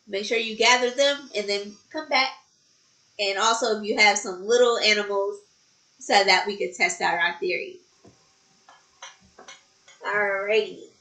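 A woman preschool teacher reading a story aloud expressively to children and explaining a craft activity. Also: mid-range voice. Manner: slow, expressive, talking to children. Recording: roomy echo.

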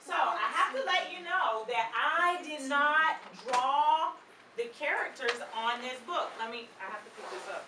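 A middle-aged woman, a children's book author and presenter, leads an animated read-aloud for young children in a public library's children's room. Her voice is high and unhurried, and she asks questions and gets the kids to repeat words. A far camera picks her up in a distant, echoey room, with ambience and children audible.

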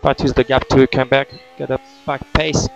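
A race engineer with a gravelly, medium voice and little pitch movement speaks slightly quickly. He gives clipped, repeated, terse instructions over noisy team radio.

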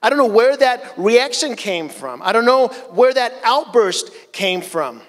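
A middle-aged pastor preaching a casual sermon on a church stage with a handheld mic, telling personal stories in a conversational, self-deprecating way. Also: male voice, very high voice, expressive, a little slow. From Chile. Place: church stage, large hall. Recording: long church hall reverb.

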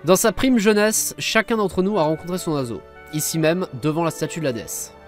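A wise, kindly old headmaster from a fantasy video game, read aloud by a man. The lines come in a plain, even reading with a fairly high voice and a lively rise and fall. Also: a little fast, faint music behind, lightly acted. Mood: solemn. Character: wise elderly male headmaster, calm and kindly.

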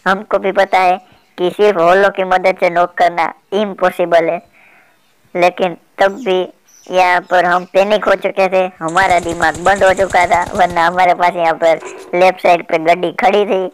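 A man's voice: high voice, flat delivery, moderate pace, low-quality recording. A man giving comedic commentary over mobile game footage, playful and teasing, mock-polite toward the opponents he trolls. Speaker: gaming channel host.

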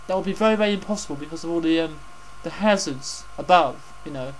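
A man's voice: on the high side, quick pace, slight background noise, poor audio. A man hosting casual game commentary, rambling and repeating his phrases, with some swearing. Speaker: gaming host.

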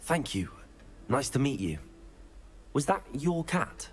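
Eager polite young wizard student in a game, robotic metallic filter, lively pitch. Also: male voice, slow pace, a little hiss or hum. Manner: courteous, earnest. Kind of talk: video game dialogue.

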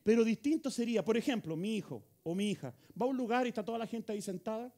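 A man preaching a live sermon in a church hall as pastor, with a Chilean Spanish accent, animated and rising to shouts and rapid questions. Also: sits high.

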